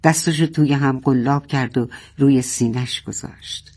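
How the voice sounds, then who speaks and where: A woman's voice: rumbling low, fairly even intonation, a little mellow, husky. A woman reading a children's story aloud expressively and speaking fondly to her young listeners.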